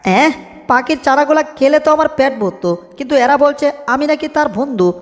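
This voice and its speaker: A woman plays a soft-hearted cartoon cat who whines and frets. The voice is high. It echoes with a long reverb tail. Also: animated, quick pace. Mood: fretful. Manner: whiny, fretful, cries out in alarm. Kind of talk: homemade cartoon dub.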